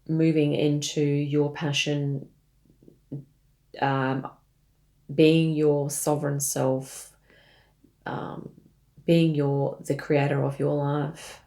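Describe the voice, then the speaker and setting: A woman giving a tarot reading, addressing the listener gently, with frequent fillers and restarts. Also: sits low. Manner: hesitant, many fillers and restarts; gentle, speaks directly to the listener. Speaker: tarot reader.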